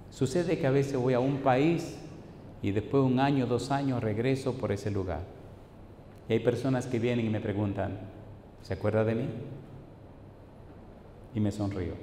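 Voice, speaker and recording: Echoey preaching man, mellow voice. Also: moderate pace. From Argentina. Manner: storytelling preacher, calls out questions to the congregation. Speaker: pastor. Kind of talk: sermon. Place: large church hall. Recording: echoey hall with faint rumble.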